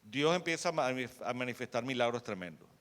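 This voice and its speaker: A man preaching a sermon as pastor of a church, sharing a testimony, swinging from soft to loud. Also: mid-range voice, expressive, a little fast. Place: church in Miami.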